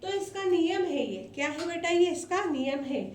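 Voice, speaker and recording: A woman's voice: very high voice, lively intonation, normal speed, slight background noise. A woman teaching a class of young children, asking them questions and repeating the answers. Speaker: primary school teacher. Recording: echoey room, voice from a distance.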